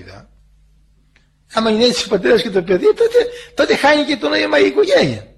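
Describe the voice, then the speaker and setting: A man's voice: high voice, slightly rough. A man from Greece giving a sermon to listeners, talking in a homely, storytelling way and acting out quoted voices. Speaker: preacher.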